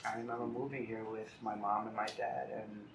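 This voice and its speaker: A man's voice: fairly low pitch, level tone, a little fast, fairly bright tone, slight background noise. A middle-aged man from Puerto Rico tells his story in an easy, reflective way, as a guest on an interview show. He speaks outdoors in the city. The sound is roomy, with faint ambience behind him. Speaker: salsa singer, guest. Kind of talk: casual interview.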